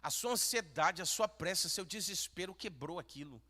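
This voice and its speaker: A man with a Brazilian Portuguese accent, a pastor preaching a sermon, swinging from quiet murmurs to shouted peaks. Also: high voice, lively intonation, moderate pace. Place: large church hall. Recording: echoey church hall.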